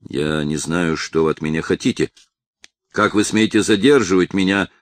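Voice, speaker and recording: A man's voice: deep voice, moderate pace, no echo, natural voice. Man voicing an indignant menacing pickpocket. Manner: angry, threatening.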